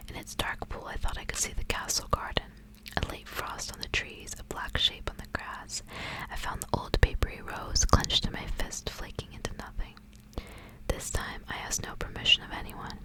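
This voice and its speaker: A woman whispers throughout like an ASMR host, her soft, hushed and gentle delivery well suited to reading stories aloud. She speaks at normal speed, and the recording is low in quality.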